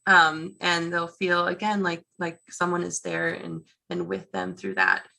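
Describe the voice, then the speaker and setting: A woman presenter talks through an online teaching session over a video call. Her voice sits a little low, with a gravelly edge and a bright tone. She keeps it chatty and encouraging, full of fillers. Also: measured pace. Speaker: workshop presenter.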